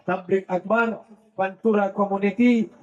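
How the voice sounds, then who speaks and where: A man's voice: sits high, fairly even intonation, measured pace, muffled recording. A man preaching a sermon to a large gathering, mixing jokey stories with recited Arabic verses and rising, emphatic appeals. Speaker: Islamic preacher.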